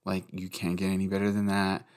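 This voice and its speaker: A man's voice: deep voice, completely flat delivery, brisk, a little mellow. A young man hosting a casual solo podcast, rambling and giggly, swearing freely. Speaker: podcast host.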